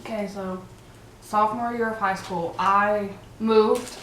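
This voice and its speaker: A woman's voice: mid-range voice, fairly even intonation, slow, a bit bright, echoey room, a little hiss or hum, rough recording. A young woman co-hosting a casual chat, frank and a little complaining. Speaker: co-host.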